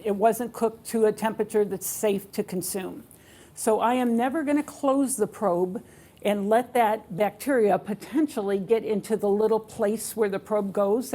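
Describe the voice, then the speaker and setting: A woman's voice: mid-range voice, a little mellow. A woman giving a spoken how-to demonstration in a kitchen, explaining each action step by step in an instructive way. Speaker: instructor demonstrating a kitchen aid for people with sight loss. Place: home kitchen.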